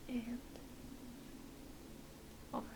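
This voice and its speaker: Gentle and reassuring, with some hesitancy, a woman acts as a doctor to a patient in a soft-spoken ASMR roleplay that is often whispered. She speaks very slowly. There's a clear hiss in the background.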